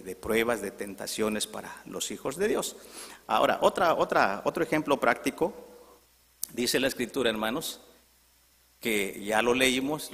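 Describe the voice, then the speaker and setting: Preacher guy, gravelly voice, throwing questions at the church, echoey hall. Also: mid-range voice, fairly bright tone. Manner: rhetorical questions to the congregation. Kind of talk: sermon.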